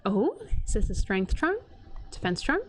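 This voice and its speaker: A woman streaming a video game with casual, reactive live commentary, expressive and full of exclamations. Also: medium pitch, moderate pace, a little hiss or hum.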